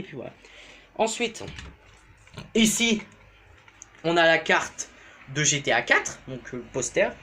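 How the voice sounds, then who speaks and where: A young man giving a casual tour of his bedroom, rambling and hesitant with lots of fillers, his voice jumping up then sinking low and quiet. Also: slight background noise. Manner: pitch swings up and drops low and quiet. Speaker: vlogger. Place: bedroom, indoors.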